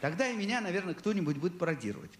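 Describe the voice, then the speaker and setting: A man telling a stand-up tall tale in a chatty, boastful way. His voice is high and bounces up and down. He sounds like he is in a roomy hall, with some audience noise behind him. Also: very animated, rapid-fire, some chatter behind. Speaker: stand-up comedian. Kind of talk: comic storytelling monologue.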